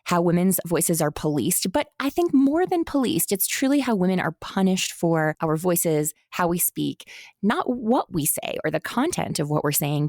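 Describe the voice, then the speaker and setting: A woman hosting a podcast in a chatty, casual way, laughing often. Her voice sits a little low with a gravelly fry, and her pitch swings widely. The sound is dry and close. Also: darkish tone, dry recording. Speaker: podcast host.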